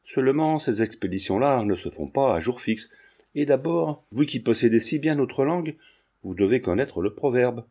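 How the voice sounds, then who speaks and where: A man's voice: mid-range voice, expressive, normal speed, warm tone. A man reading the part of a talkative, breezy young nobleman in an audiobook. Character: chatty young nobleman, lively and glib.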